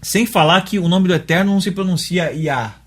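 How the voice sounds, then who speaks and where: In a high-pitched voice with fairly even intonation, a man with a Brazilian Portuguese accent speaks quickly as he explains a religious lesson step by step in dialogue form. He frequently checks understanding with tag questions.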